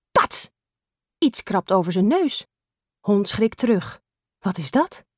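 Brief: woman storyteller, lively read-aloud, dry close sound. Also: mid-range voice, no echo. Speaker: storybook reader. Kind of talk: scripted children's story narration.

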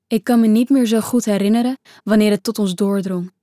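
A woman narrating a story in the first person, measured and suspenseful, often dropping to a hushed voice. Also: medium pitch, steady tone, no echo, studio quality.

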